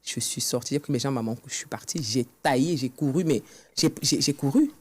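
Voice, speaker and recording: A woman's voice: rumbling low, a little fast, darkish tone, breathy edge. A woman guest telling her own story in an interview, earnest and acting out past conversations, recorded on a podcast studio set. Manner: earnest, acts out past dialogue. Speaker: guest author.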